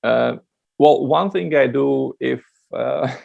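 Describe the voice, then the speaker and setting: A man from Latvia chats as a podcast guest, his voice deeply gravelly and full of fry. He laughs often and restarts his sentences. The recording sounds dull and lo-fi. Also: takes it slowly. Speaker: guest, dating coach. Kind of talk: casual podcast chat.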